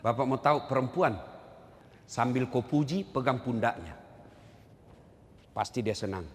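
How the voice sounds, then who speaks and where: A middle-aged man preaching a humorous sermon to a hall audience, joking and acting out quotes with big swings in his voice. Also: a little slow. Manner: lively, jokey, acts out quotes with big pitch swings. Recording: echoey hall, faint ambience.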